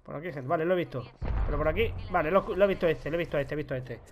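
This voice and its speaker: A man with a Spanish accent from Spain, commenting on his own gameplay, excitable with loud outbursts and self-mocking asides. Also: a little high, racing, slight background noise. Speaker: gaming YouTuber.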